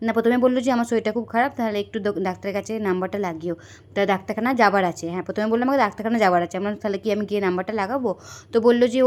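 Fast-talking chatty woman vlogger. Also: mid-range voice. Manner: chatty, rambling with restarts. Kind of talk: casual vlog narration. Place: outdoors near a busy station at night.

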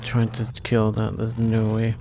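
Man, gamer, casual co-op chat, gravelly voice, reacts to loot, faint hiss. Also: fairly low pitch, monotone, unhurried. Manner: chatty, reacting to loot and lag. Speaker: gamer streaming co-op play.

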